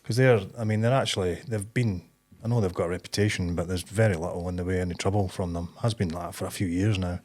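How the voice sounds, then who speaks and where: A Scottish man with a very low voice, chatting casually as a podcast co-host. He tells stories in a relaxed, rambling way and often breaks into laughter. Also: fast, hardly any pauses. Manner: chatty storyteller, easygoing, drops into laughter. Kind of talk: casual chat.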